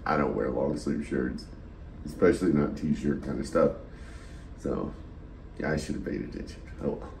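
A man's voice: rumbling low, normal speed, vocal fry, long pauses, noisy background. A man giving casual, rambling travel vlog narration with wry, self-deprecating asides. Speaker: travel vlogger.

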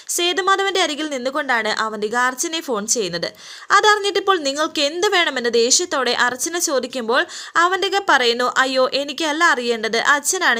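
A woman's voice: high-pitched, pushed and bright. A woman retelling a serial episode as a story in present tense, reading out the characters' quoted lines as she goes. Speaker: serial episode recap narrator.

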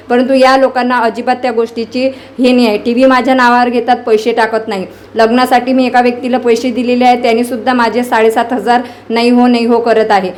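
A woman's voice: fairly high pitch, darkish tone. A woman in her thirties, a vlogger at her small tea shop, talking to camera in an earnest, aggrieved, chatty way. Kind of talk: casual vlog, talking to camera.

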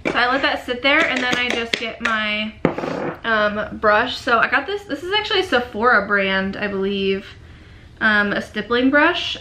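Sick and sniffly with a cold, a beauty vlogger in her twenties talks her way through a makeup tutorial in a dim bedroom, her voice on the high side. She's chatty and leans heavily on fillers, often drifting into quiet murmurs as she works, with noise audible in the background.

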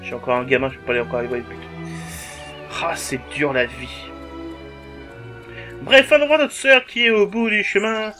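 A man's voice: on the high side, steady tone, moderate pace, pauses often, sharp tone, faint music behind. A man giving casual let's-play commentary over a game, jokey and crude, swearing often and humming along.

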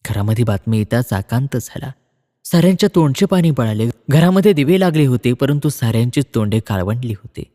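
Mellow-voiced man reading a story. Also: medium pitch. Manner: measured, expressive narration. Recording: long reverb.

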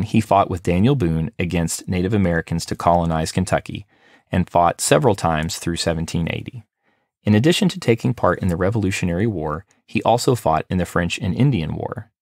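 A man hosting a library podcast, reading a scripted local history in a steady, measured way. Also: low voice, no echo, clean studio sound.

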